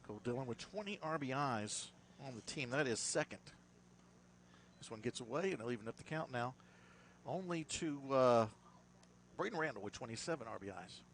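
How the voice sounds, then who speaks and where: A man's voice: medium pitch, normal speed, vocal fry. Male baseball play-by-play caller, upbeat, chatty banter, faint outdoor hum behind. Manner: lively, rises sharply on big plays; chatty, laughs with his partner. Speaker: play-by-play announcer. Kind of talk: baseball commentary.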